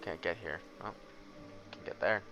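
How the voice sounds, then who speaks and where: A man's voice: sits low, normal speed, over music, poor audio. A man giving casual let's play commentary, thinking aloud and reacting expressively. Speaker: gaming streamer.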